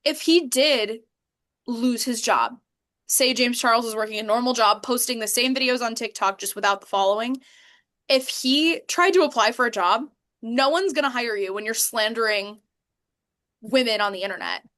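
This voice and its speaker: A young woman co-hosts a podcast in casual chat, her voice sitting a little high. She rants with open indignation and laughs between her points. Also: normal speed, fairly bright tone. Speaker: podcast co-host.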